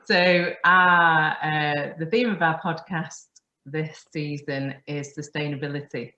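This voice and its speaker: Woman hosting a podcast, really low voice, echoey muffled zoom sound. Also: fairly even intonation, takes it slowly, sharp tone. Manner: chatty, laughs often. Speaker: podcast host. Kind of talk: casual interview. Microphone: video call. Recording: muffled roomy call audio.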